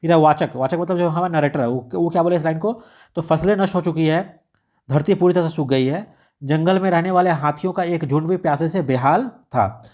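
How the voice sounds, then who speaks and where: A man's voice: a little high, fairly quick, a little mellow. A man, tutoring exam students through a radio script step by step, repeating and rephrasing as he goes. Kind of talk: explaining a radio script in a lesson.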